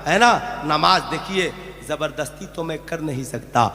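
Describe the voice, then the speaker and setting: A man preaching to a gathering, calling out questions to the crowd and swinging between loud shouted passages and quiet low ones. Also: unhurried. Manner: questions the crowd and urges them to answer. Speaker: Islamic preacher. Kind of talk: sermon with call-and-response. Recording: echoey hall, faint hum.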